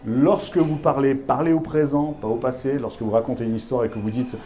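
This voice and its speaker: Holding a microphone, a man runs a live masterclass for business leaders, talking straight to them with emphasis and repeating key words. His voice is mid-range, steady and dark-toned, delivered at a brisk pace.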